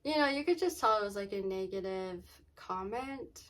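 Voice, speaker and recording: A woman chatting casually in a vlog, often saying "like" and "um" and pausing to think aloud. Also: medium pitch, animated, fairly bright tone. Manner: says "like" and "um" very often as filler; halting, thinking aloud, trailing off mid-sentence. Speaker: vlogger.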